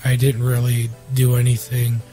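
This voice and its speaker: A man's voice: medium pitch, monotone, normal speed, over loud music. A young man with a strained voice from illness, co-hosting a casual chat and telling stories in a rambling, profane way. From Iowa. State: sick, strained voice. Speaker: podcast co-host.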